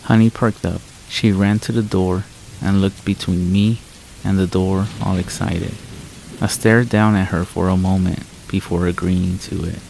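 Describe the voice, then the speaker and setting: A man narrates a creepy first-person tale in a very deep voice, low and unhurried. His tone stays flat with little rise and fall, and a gravelly rasp runs through his words. Faint rain patters in the background. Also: slight background noise, low-quality recording. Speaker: horror story narrator. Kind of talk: scripted horror narration. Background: rain sounds.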